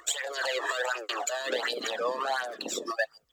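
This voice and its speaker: Young male witness heard over the phone, flat delivery, noisy line. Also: medium pitch. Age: young adult. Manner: halting, repeats words.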